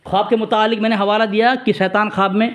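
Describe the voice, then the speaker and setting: A man with a notably high-pitched voice argues a theological point over a phone call. He is insistent and keeps pushing for a direct answer, addressing his opponent with formal courtesy all the while. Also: flat delivery, fairly bright tone. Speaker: religious debater. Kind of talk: theological debate.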